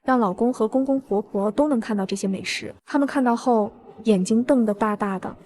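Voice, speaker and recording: A woman's voice: fairly high pitch, a little fast, warm tone. A woman narrating a first-person revenge story in a cool, smug way.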